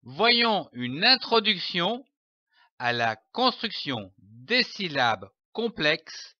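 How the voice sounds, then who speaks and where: A man teaching a recorded phonics lesson as a reading teacher, spelling out letters and syllables slowly and deliberately. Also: high-pitched, very animated, bright, forceful tone, no room sound, dull audio.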